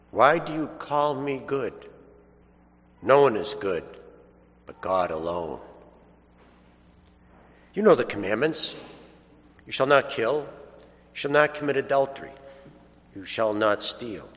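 A man solemnly reading scripture as a clergyman at a church service, in a formal, measured way with a cathedral echo. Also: mid-range voice, expressive, a bit bright. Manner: measured, formal, deliberate phrasing. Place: large reverberant church. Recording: long cathedral-like echo and reverb.

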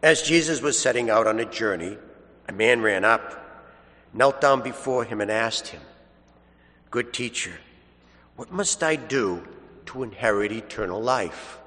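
Man, clergy reading scripture, unhurried measured pace, long cathedral echo, large church. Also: mid-range voice, expressive, a bit bright. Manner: slow, measured delivery. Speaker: priest or deacon. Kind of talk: liturgical gospel reading.

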